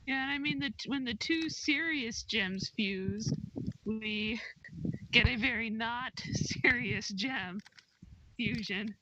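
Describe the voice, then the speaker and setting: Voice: mid-range voice, slow pace. Chatty co-host on a dull, hissy mic. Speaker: podcast co-host. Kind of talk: casual fan discussion. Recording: dull lo-fi recording with clear hiss.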